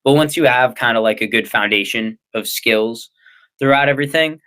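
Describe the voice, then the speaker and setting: A man's voice: mid-range voice, moderate pace, sharp tone, clear, resonant tone. A young man with an American accent, answering casually as an interview guest in a hesitant, rambling way. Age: young adult. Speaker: interview guest, ninja athlete and coach.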